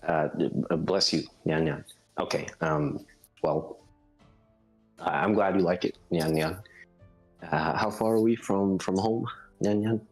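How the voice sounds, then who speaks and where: Hesitant deep-voiced man in role-play. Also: a little slow, long pauses, poor audio. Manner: hesitant, awkward, repeating himself. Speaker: player in a tabletop role-playing game. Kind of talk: casual improvised role-play. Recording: music playing behind the voice.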